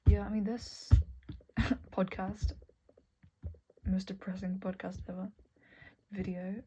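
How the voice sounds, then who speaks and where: A young woman talking candidly to camera at her desk, soft and halting, often dropping to a whisper. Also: mid-range voice, flat delivery, slight background noise, poor audio. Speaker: vlogger. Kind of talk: candid personal talk to camera. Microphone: earbud mic.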